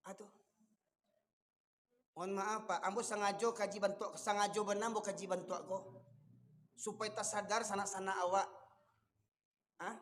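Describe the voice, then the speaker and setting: A man with a Minangkabau accent preaching a sermon, fiery and emphatic, often surging to loud peaks. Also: sits high, fairly even intonation, normal speed, long pauses. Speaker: Islamic preacher. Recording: long echoey hall reverb.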